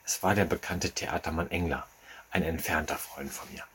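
A man narrates a humorous short story in a very low voice, dry and deliberate in his delivery. A faint hiss runs under the reading. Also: a bit bright.

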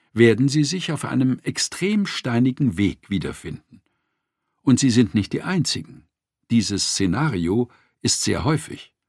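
Gravelly, lively male audiobook narrator. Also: medium pitch, no room sound, studio quality.

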